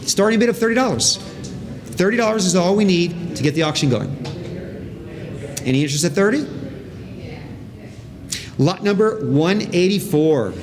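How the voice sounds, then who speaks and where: A man's voice: high-pitched, expressive, normal speed, long pauses, a crowd in the background. A man working as an auctioneer, calling bids in a live auction with repeating patter.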